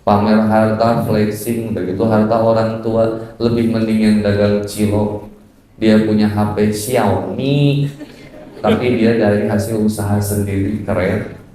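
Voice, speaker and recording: A man preaching a humorous sermon in a mosque, joking with the crowd, acting out quarrels in sudden high voices and chanting Arabic verses slowly. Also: mellow. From West Java. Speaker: Islamic preacher. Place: mosque hall. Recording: very echoey mosque hall.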